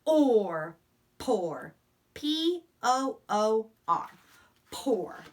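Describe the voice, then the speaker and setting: With a slightly high, sing-song voice, an elementary school teacher encourages young children through phonics practice and a read-aloud. She enunciates deliberately and repeats words, and the microphone sits at a distance from her.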